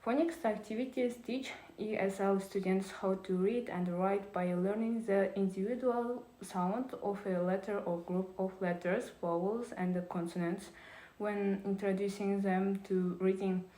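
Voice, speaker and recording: A woman's voice: mid-range voice, fairly even intonation, measured pace, mellow, echoey room, poor audio. A woman presenting a prepared talk on teaching, reading carefully with small restarts.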